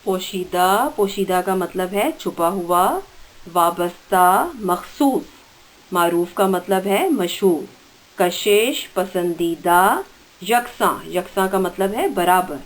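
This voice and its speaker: Woman teacher dictating vocabulary. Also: fairly low pitch. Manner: reads vocabulary words then gives meanings; slow deliberate dictation pace. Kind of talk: online school lesson.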